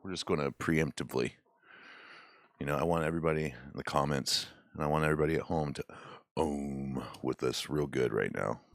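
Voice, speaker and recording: A man's voice: rumbling low, brisk, dry recording, clean studio sound. A man hosting a podcast, reading listener stories aloud and joking casually with a co-host. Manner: laid-back, jokey, swears casually.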